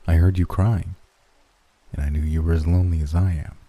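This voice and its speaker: A calm, unhurried presence with no body, speaking from a low and very dark voice, ancient and lonely, as a male narrator puts it on. It carries a storybook eeriness without raising its tone.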